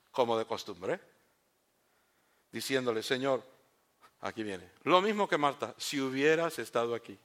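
A pastor with a slightly high voice preaches a sermon in church, reading a scripture story aloud. He adds joking asides, rises to loud proclamations, and drops to hushed, slow lines.

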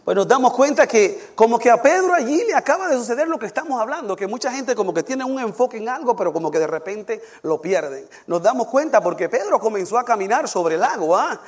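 A man preaching from the pulpit in a high voice. He climbs to emphatic peaks on key points and sinks low and quiet in prayer. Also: animated, brisk, hardly any pauses. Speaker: pastor. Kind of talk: sermon with scripture reading and prayer.

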